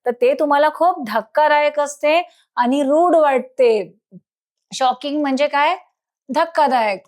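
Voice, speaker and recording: High-voiced woman teacher. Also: a little mellow. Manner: reads English lines slowly, then translates and explains. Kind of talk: English lesson explained in Marathi.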